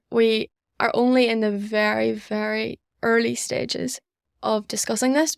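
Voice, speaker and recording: Speaking earnestly as a podcast interview guest, this young woman, who organises a student society, answers questions conversationally. Her pitch is a little high and creaky, captured in a clean studio with no echo.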